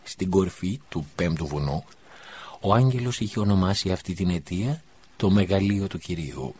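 A man narrating an audiobook in a calm, measured reading voice. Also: sits low, husky. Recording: dull lo-fi recording.

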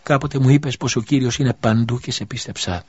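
Dying widow mother, read by a man, weak and pleading, raised higher voice, husky tone, dull lo-fi sound. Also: lightly acted. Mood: tender farewell. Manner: faint, pleading, breathy delivery. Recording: dull lo-fi recording.

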